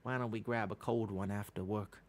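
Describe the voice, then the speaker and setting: A man's voice: lowish voice, fairly even intonation, moderate pace, lightly acted. A man acts out a friendly backwoods fellow from the mountains. He speaks in a folksy Southern US country drawl, neighborly and plain, in the manner of a streamer's comic bit. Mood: folksy, sympathetic.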